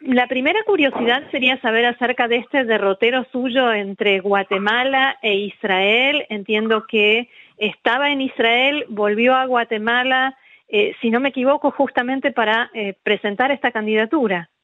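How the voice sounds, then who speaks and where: Female radio host, measured and deliberate, slightly high voice, dry close sound. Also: no echo, phone-quality sound. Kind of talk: radio interview.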